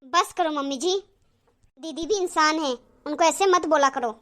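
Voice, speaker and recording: A woman's voice: sits high, moderate pace, a bit bright. A woman voicing a young, caring daughter-in-law in a cartoon, speaking earnestly and reassuringly. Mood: pleading. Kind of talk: cartoon voice acting.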